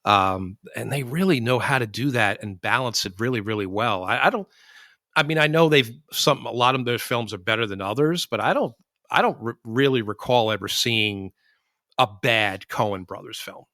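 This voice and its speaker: A man co-hosting a podcast in casual chat, halting and restarting his sentences. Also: medium pitch, bright, forceful tone, dry recording, studio quality. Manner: halting, restarts often, laughs easily. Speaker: podcast co-host.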